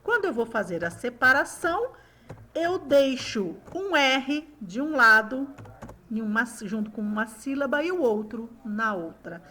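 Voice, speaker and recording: A woman's voice: on the high side, very animated, unhurried, sharp tone, slight background noise. A woman teaching young children, patiently sounding out words syllable by syllable in a recorded lesson. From Brazil. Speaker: primary school teacher.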